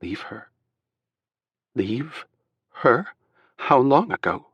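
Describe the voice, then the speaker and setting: A frightened young wife speaks through tears, her voice cracked and aching, as a man puts her on in an audiobook. She pitches high above the reader's low natural register and sounds fragile and pleading. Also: expressive, normal speed, slightly rough, no room sound, lo-fi sound. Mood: frantic. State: crying.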